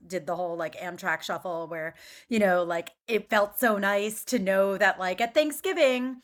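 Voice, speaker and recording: Woman, 40s, from Philadelphia; bright, chatty podcast guest who rambles with fillers. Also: mid-range voice. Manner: chatty, many fillers and restarts. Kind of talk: casual conversation.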